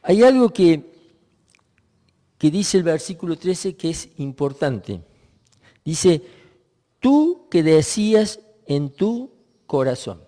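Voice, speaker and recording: Guy preaching a sunday sermon, kinda high but mellow voice, lots of pauses, echoey church sound. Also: sing-song. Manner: reflective, with many pauses and restarts.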